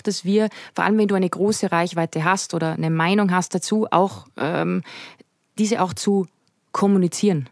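A woman's voice: medium pitch, dry recording, clean studio sound. A woman hosting a podcast, affirming her guest and asking questions. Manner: warm, affirming, asks questions. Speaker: podcast host. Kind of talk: interviewing.

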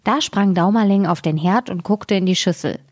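A woman reading a fairy tale aloud in a calm, measured way as storyteller. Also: mid-range voice, no echo, clean studio sound.

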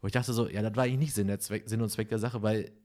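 A man's voice: lowish voice, very fast. A man in casual podcast chat, telling stories animatedly and acting out what people said. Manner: animated storytelling, acts out dialogue.

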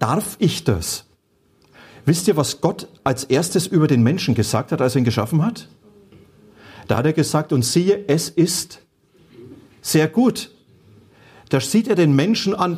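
A man's voice: fairly high pitch, lively intonation, moderate pace, a little mellow, husky. A middle-aged man, preaching a sermon as a pastor and telling stories earnestly. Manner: earnest storytelling, quotes people in changed voices.

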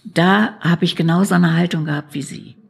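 A middle-aged woman speaks in a low, gravelly voice with a husky, breathy edge. She tells her story earnestly and reflectively as an interview guest, often tagging her sentences with a soft "ne?". Her delivery is unhurried and sincere. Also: fairly even intonation. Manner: earnest, slow and reflective, tags lines with "ne?". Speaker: shaman and psychotherapist guest.

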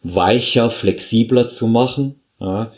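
A man hosting a podcast interview, talking in a halting, affirming way as a fellow trainer. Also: mid-range voice.

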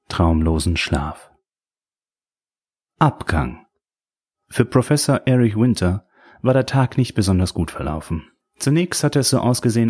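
A man narrating an audiobook in a wry, measured storytelling manner. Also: lowish voice, a little mellow, breathy edge.

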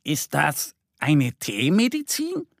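A man's voice: on the high side, huge pitch swings, slow pace, creaky, dry recording, clean studio sound, full character voice. A man doing a curious little bear cub. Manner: curious, childlike.

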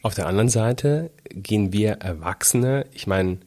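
A man co-hosting a casual podcast chat, talking personally and relaxed, with hesitant fillers. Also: on the low side, normal speed.

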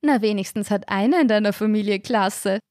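A woman's voice: medium pitch, fairly quick, darkish tone, no room sound, studio quality, lightly acted. A woman voicing a smug, popular teenage girl who talks in a sneering, mocking way.

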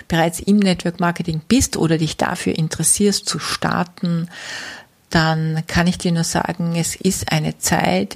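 Woman, middle-aged; low, gravelly coaching voice, earnest and repetitive. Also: a little mellow. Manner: earnest, repetitive emphasis with many fillers. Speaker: network marketing coach. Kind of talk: motivational talk to the listener.

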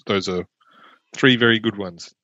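Bright-voiced hesitant man. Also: fairly low pitch, a little slow, no echo. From Australia. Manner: hesitant, many ums and restarts. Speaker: podcast co-host. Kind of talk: casual travel podcast chat. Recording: dull lo-fi sound.

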